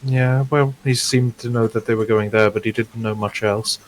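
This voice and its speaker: A man's voice: medium pitch, fairly even intonation, moderate pace, slight background noise, poor audio. A man playing a tabletop game, speaking in a hesitant, polite way. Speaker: player. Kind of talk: casual tabletop play.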